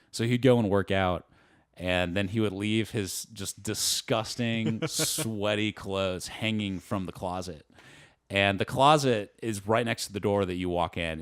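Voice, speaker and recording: Deep-voiced young man telling stories. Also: clean tone, dry recording, studio quality. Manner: relaxed and chatty, laughs between words, frequent fillers. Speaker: navy submarine officer, interview guest. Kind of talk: casual storytelling in a podcast interview.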